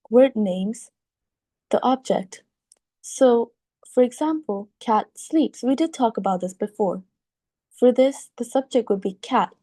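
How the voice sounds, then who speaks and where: A woman's voice: on the high side, dark tone, dry recording. A woman explaining grammar to children in a friendly, informal way. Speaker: teacher. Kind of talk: casual explanation for kids.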